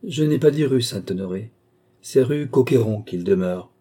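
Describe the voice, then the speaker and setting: A boastful, scheming viscount, read by a man, eager and full of his own plans. His voice is dark and mellow, with a husky edge. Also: mid-range voice, lively intonation, normal speed.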